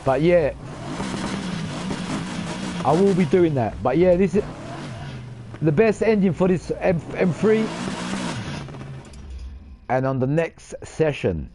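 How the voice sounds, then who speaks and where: A man's voice: on the high side, expressive, slow pace, pauses often, noisy background. A man hosting a gaming channel, rambling in casual gameplay commentary, boastful and swearing casually.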